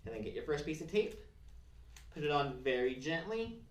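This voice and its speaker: Guiding kids through a craft, the presenter keeps instructions clear, stepwise and cheerful, speaking expressively at a moderate pace in a mid-range voice. A far-off mic gives a roomy sound with faint noise and clicks.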